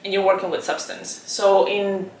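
For a documentary, a woman in her thirties from Chile reflects on being a visual artist, soft-spoken and thoughtful, with many "like" and "um" fillers. Her mid-range voice is flat in delivery and moderately paced, recorded from a distance in a spacious, echoey indoor studio.

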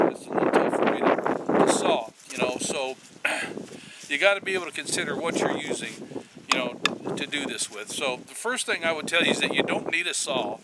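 Older man rambling outdoors in wind. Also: medium pitch. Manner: relaxed, rambling, many fillers and restarts. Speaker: bushcraft channel host. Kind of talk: casual outdoor tutorial. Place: outdoors in a snowy rural yard in winter. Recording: loud wind and outdoor noise.

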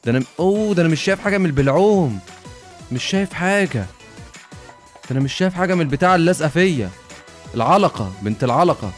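A man with an Egyptian Arabic accent giving excitable gaming commentary, swearing and dropping in English phrases. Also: fairly high pitch, racing, long pauses, faint music behind. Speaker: gamer.

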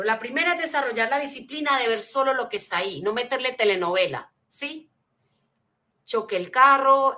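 Woman doing a motivational seminar, bright ringing voice, keeps asking "right?" to check in, walks through acronyms like a teacher. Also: a little high. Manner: energetic teacher, frequent rhetorical check-ins; spells out acronyms, asks listeners to take notes. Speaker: motivational speaker.

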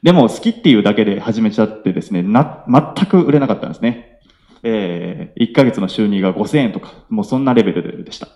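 A man in his late twenties with a Kansai accent, giving a polite self-introduction at a local meetup, often pausing on filler sounds. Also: on the low side, animated, dark tone. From Nara, Japan. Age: 20s. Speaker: young entrepreneur presenter. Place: event hall with audience.

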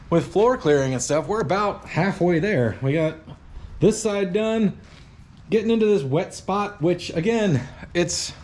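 A man in his forties, a garage channel host, musing aloud in a casual, rambling way while clearing out a cluttered old workshop, filmed on a handheld action camera. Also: on the high side, darkish tone, slight background noise. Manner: rambling, musing, lots of fillers and trailing thoughts. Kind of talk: casual vlog commentary while cleaning. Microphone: action camera held at arm's length.

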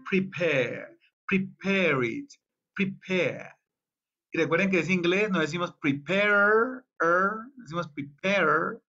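Choir director, man, slightly high voice, unhurried coaching, lo-fi audio. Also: a bit bright. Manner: explains slowly, sings phrases in falsetto-high demonstrations.

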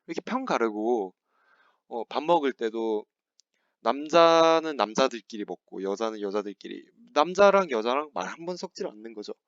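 A young man giving a class presentation, lively and playful, acting out little scenes with a teacher and students. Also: medium pitch, normal speed, no room sound. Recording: dry, dull lo-fi sound.

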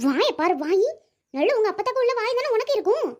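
A woman playing a quarrelsome old grandmother from the far south, scolding the children in a high, quick Kanyakumari Tamil voice that keeps swinging up and down. Cartoon voice work, mocking and stubborn. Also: sing-song. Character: cranky old grandmother, sharp-tongued and stubborn. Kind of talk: cartoon voice acting.

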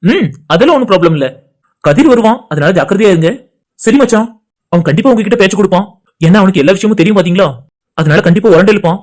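A man voices a cast of village friends for a cartoon, trading rapid, chatty everyday banter. His voice is high for a man, and the lines come quickly, one after another. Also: expressive, a little mellow. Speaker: cartoon channel creator voicing all characters. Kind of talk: cartoon dialogue voice acting.

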